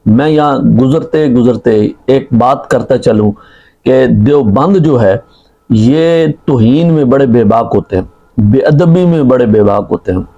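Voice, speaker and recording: A man speaking as a mufti in a measured religious rebuttal, quoting book references and reciting Arabic phrases. His voice is dark and mellow at a middling pitch. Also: animated, muffled recording.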